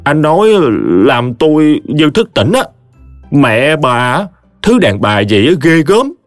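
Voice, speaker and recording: A man's voice: fairly high pitch, sing-song, takes it slowly, no room sound, soft background music, voice pushed up. A man voicing a brash, blustering young husband from a village, ranting. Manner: loud, ranting, complaining.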